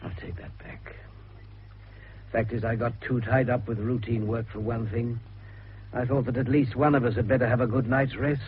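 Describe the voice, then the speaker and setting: An actor playing a harassed, irritable British police superintendent in a radio drama, with a brisk, emphatic, exasperated manner. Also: male voice, medium pitch, little pitch movement, lightly acted. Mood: weary, exasperated. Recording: muffled radio broadcast, faint noise.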